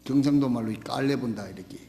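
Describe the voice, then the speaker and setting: A male pastor, preaching a sermon in a church, with emphatic swings between loud exhortation and soft asides. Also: medium pitch, quick pace. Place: church sanctuary. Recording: echoey church hall.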